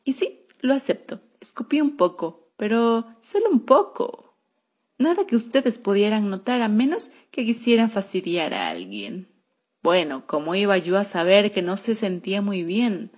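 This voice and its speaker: A woman reads a storybook aloud at a middle pitch, her narration wry and sardonic. The radio recording sounds dull and lo-fi. Her delivery stays dry and mocking. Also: big pitch swings, unhurried, darkish tone. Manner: wry, sardonic first-person narration as a cat.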